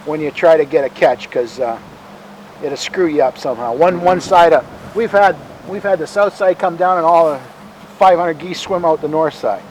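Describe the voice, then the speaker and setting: Male tour guide, calm museum manner, high-pitched, plain-spoken and halting, faint outdoor noise. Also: poor audio. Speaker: bird sanctuary museum guide and bird bander. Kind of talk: informal guided tour, explaining.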